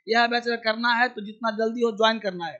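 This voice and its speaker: High, bright-voiced man drilling a class. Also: fairly even intonation, highs cut off. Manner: urgent, repetitive drilling, keeps urging viewers to answer fast. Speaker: English teacher. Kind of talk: live online lesson.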